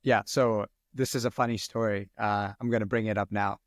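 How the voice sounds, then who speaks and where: A podcast guest in his twenties answers questions in a brisk, fairly low voice with fairly even intonation. He is from Sri Lanka, speaks Arabic as his first language, and his replies ramble casually with heavy use of "like" and "um." The recording is dry and of studio quality.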